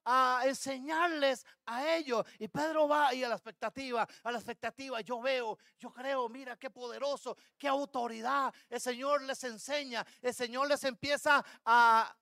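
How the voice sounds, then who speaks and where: A man's voice: very high voice, fairly even intonation, normal speed, creaky, few pauses, bright, forceful tone, no echo, studio quality. A man pastor preaching a sermon to his congregation, acting out the words of biblical figures. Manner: addresses congregation as brothers.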